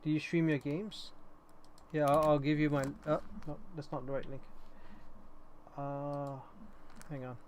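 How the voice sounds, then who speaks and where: A man with a fairly high, level voice live streams a game, chatting casually and commenting, rambling a little and repeating phrases. He talks a little slowly and leaves long pauses, with faint noise and keyboard typing behind him.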